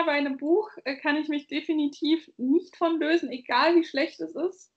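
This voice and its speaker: A woman from Bavaria, Germany, co-hosts a podcast, chatting casually, rambling and laughing often. Her voice is high, and the recording has its highs cut off.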